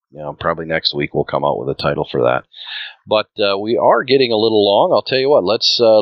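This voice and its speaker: Deep-voiced male podcast host. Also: no room sound, dull audio. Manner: relaxed, hands the mic around. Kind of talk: casual podcast chat.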